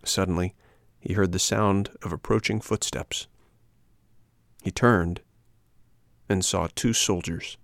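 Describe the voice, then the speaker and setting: A man narrating a classic storybook in a measured, expressive reading. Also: deep voice, gravelly, dry recording.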